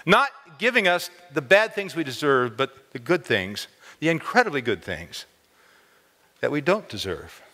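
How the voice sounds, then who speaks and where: A man in his sixties telling a story in an animated chapel sermon, gesturing as he speaks on a large dark stage, with many stammered repeats when excited. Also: on the high side, a little slow. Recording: long hall reverb.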